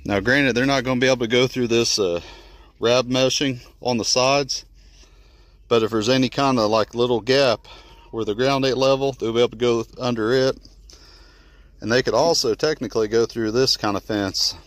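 A man's voice: medium pitch, steady tone, moderate pace, no echo. Plain-spoken man outdoors, dry close sound. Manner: plain-spoken, rambling, folksy. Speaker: homesteader showing a build. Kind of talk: casual how-to vlog. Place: outdoors in wooded yard by chicken coop. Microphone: handheld phone camera.

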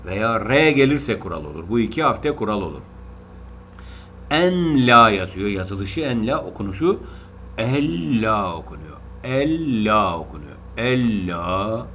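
Patient low-voiced Turkish man teaching. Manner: patient, drawn-out syllables, repetitive drilling. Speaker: Quran reading teacher. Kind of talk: slow spelling-out lesson. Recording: dull lo-fi recording with faint hiss.

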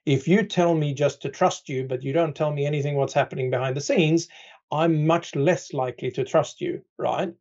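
A man's voice: on the high side, fairly even intonation, moderate pace, darkish tone, dull audio. A man speaking as an expert guest on a podcast, explaining things conversationally with dry sarcastic humor and many "right?" tags.

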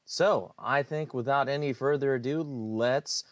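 A man at his computer narrates a screencast about website changes. His voice sits at a middle pitch, and he explains things plainly with occasional fillers. The recording is dry and close. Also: unhurried, dry recording. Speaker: IT director presenting website updates. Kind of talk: screencast walkthrough.

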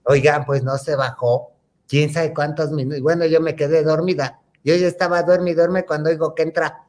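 A man's voice: fairly high pitch, steady tone, moderate pace, a little mellow. A man telling a gossip story in a campy, theatrical way, calling his listeners "hermanitas". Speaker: host.

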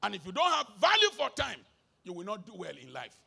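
A Nigerian man preaching a sermon live at a concert, swinging between shouted lines and low muttered asides, slipping into pidgin. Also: wildly swooping pitch, fairly quick, creaky, slightly rough.

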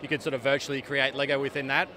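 Fast-talking man amid a busy crowd. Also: mid-range voice, little pitch movement. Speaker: exhibitor. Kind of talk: casual interview answers. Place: busy expo hall. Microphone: handheld mic. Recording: crowd noise behind.

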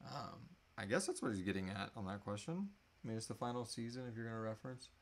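This live Q&A host, an audio drama creator in his thirties, talks at a quick pace in a fairly low voice. Sitting indoors in a small room at home, he keeps things casual and jokey as he responds to questions from the audience.

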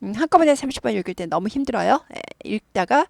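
A woman teaching English, reading the dialogue lines slowly and explaining them in Korean. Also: a little high, animated, gravelly, no echo, studio quality.

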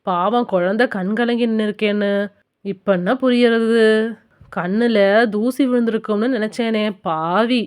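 A woman voicing a fierce, grieving elderly grandmother in an audiobook, speaking slowly and deliberately in a lowered voice. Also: steady tone, clear, resonant tone, lightly acted. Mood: lamenting. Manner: slow, low, deliberate speech. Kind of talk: audiobook character voice.

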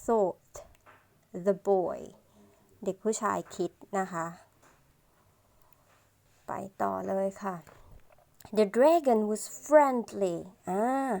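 A woman's voice: on the high side, lively intonation, gravelly, a little mellow. A woman, reading an English storybook aloud line by line and patiently explaining each part as a teacher. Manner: slow, patient, ends phrases with polite particles.

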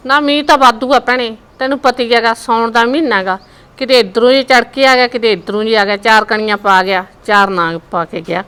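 A woman's voice: a little high, steady tone, brisk, a bit bright, smooth, lightly acted, rough recording. An older woman with an Indian Punjabi accent plays a chatty mother who scolds her married son in a village family drama. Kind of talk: village web drama acting.

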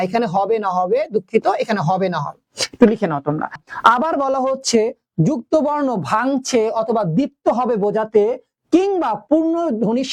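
A man's voice: extremely high pitch, no echo. A man teaching a classroom lesson, who keeps asking his students questions and repeats the key points.

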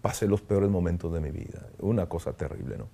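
Priest, man, deep and mellow, earnest halting interview testimony. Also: creaky, breathy edge. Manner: earnest, halting, reflective, with frequent "¿no?". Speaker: priest, kidnapping survivor interviewee.

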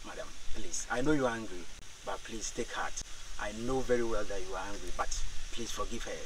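A man acting a soft-spoken, pleading pastor in a comedy skit. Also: fairly low pitch, brisk, far from the mic, noisy background.

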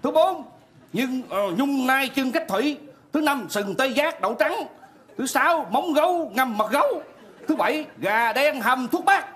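A jokey old village elder. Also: male voice, very high voice, animated, measured pace, fairly bright tone, full character voice. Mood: gleeful. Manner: jokey, sing-song announcing. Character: old village elder reading a feast menu.

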